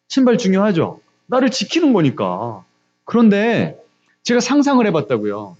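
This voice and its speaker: A middle-aged man preaching at an early-morning service, his fairly high voice rising as he presses the congregation with question after question. The recording is dull and lo-fi, as if from a church stream. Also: darkish tone. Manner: questioning the congregation, emphatic rises. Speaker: pastor. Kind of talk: sermon. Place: church sanctuary, also streamed on video call.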